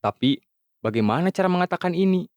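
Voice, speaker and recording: A man's voice: sits high, animated, fast talker, a little mellow, dry recording, clean studio sound. A man voicing a spiteful old male martial arts master who throws taunting insults in a storybook reading. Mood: sneering.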